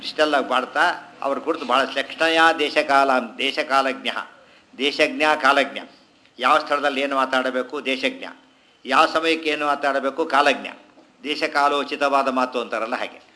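Bright-voiced man expounding Sanskrit verses. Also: mid-range voice, fairly even intonation. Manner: chants verses slowly, then explains briskly in colloquial talk. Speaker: scripture teacher. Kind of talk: Kannada discourse on Sanskrit verses.

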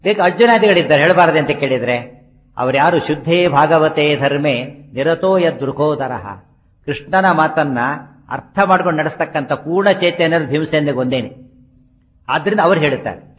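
A man giving a religious discourse, explaining scripture with rhetorical questions and slowly chanting Sanskrit verses. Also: on the high side. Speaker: religious speaker.

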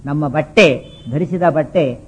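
A man delivers a spiritual discourse in a slightly high voice. He repeats his points, asks rhetorical questions, and slows down to chant verses. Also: breathy edge, lo-fi sound. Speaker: religious speaker.

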